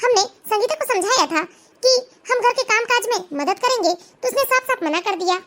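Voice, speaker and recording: A woman's voice: very high-pitched, lively intonation, normal speed, a bit bright, a little hiss or hum. A woman voicing a scheming middle-aged mother in a cartoon, sweet-talking and falsely kind. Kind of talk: cartoon voice acting.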